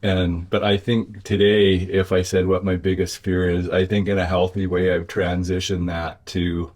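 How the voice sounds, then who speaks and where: This business owner, appearing as an interview guest, has a low-pitched, darkish voice with a flat delivery at normal speed. He talks in a reflective, conversational way, thoughtful and often hunting for the right words.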